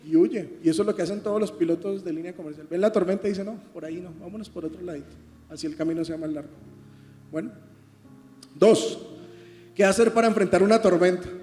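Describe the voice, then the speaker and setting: A man's voice: high voice, fast talker, long pauses. A man preaching a sermon in a conversational, teaching way, asking the congregation rhetorical questions. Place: church hall. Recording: long reverb with soft guitar music.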